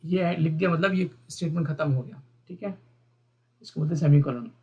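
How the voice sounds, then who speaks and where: A man teaching a beginner programming lesson, explaining each part of the code slowly and repeating the terms, often asking his viewers questions. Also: a little high, darkish tone, muffled recording. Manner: explains step by step, repeats terms, mixes English terms into Hindi. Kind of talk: screen-recorded coding lesson.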